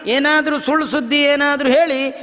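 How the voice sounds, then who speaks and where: A man giving a devotional discourse, telling stories in a lively way, chanting verses and acting out dialogue. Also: very high voice, normal speed. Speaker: religious discourse speaker. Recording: long hall reverb.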